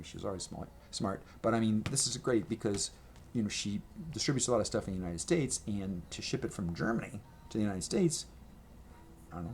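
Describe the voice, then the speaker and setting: A vlogger sits at a table at home, showing his merch to the camera in a chatty, meandering show-and-tell packed with fillers and restarts. His mid-range voice is creaky, and the camera mic catches a little hiss or hum in the gray-walled room with a red accent wall.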